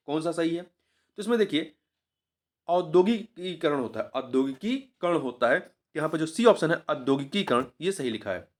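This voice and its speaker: A man's voice: a little high, animated, normal speed. A man teaching as an exam coach, going through a grammar test paper, patiently repeating each word and spelling it out syllable by syllable.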